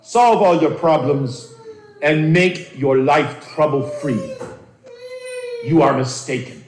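A man voicing a stern older male seminary professor with a Hungarian accent, speaking in a solemn, measured way. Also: a little high, expressive, a little hiss or hum. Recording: roomy echo.

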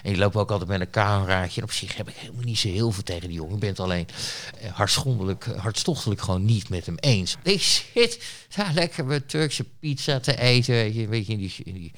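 A man's voice: fairly low pitch, expressive, fast talker, hardly any pauses, fairly bright tone. A man being interviewed, who tells a story in a blunt, rambling way with lots of fillers and restarts. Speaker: interview guest, street reporter. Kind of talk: casual storytelling.

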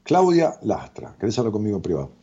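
Un psicólogo rioplatense que lee comentarios en vivo, con voz oscura y ronca y tono muy cambiante. Suena relajado y disperso, lleno de muletillas. La grabación es opaca y de baja fidelidad. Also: male voice, lowish voice, quick pace, husky. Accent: Rioplatense Spanish. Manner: animated, rambling, jokey, with many fillers. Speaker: psychologist hosting a live stream. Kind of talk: casual live-stream chat reading viewer comments. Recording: dull lo-fi stream audio.

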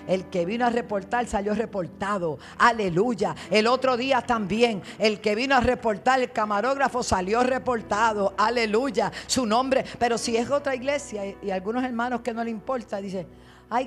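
Serving as a guest preacher, a woman delivers a sermon in which she dramatizes scripture and slips into quiet, low asides.

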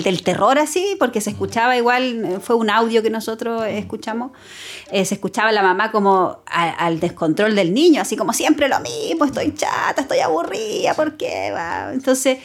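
Woman chiming in, fairly high voice. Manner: interjecting, adding details to her co-host's story. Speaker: podcast co-host.

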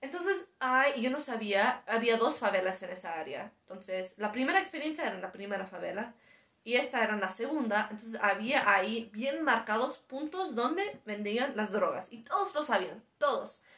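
A woman's voice: on the high side, animated, normal speed, fairly bright tone. A woman casually telling a story as a podcast guest, laughing as she talks. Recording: echoey room.

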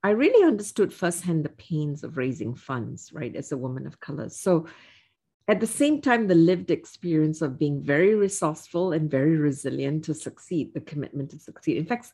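A woman in her fifties from Singapore, speaking as an interview guest in a measured, reflective way with frequent "um" fillers. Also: deep voice, warm tone, slightly rough. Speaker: guest, investor. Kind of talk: casual interview.

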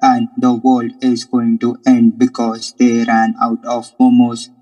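A male host putting on a slow, loud, mock-dramatic robotic announcer voice. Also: medium pitch, completely flat delivery, soft background music, lightly acted, low-quality recording. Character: fake robotic doomsday announcer voice, male adult.

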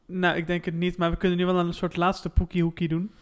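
High-voiced, quick man hosting a podcast. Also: completely flat delivery. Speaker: podcast co-host. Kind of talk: casual football podcast chat.

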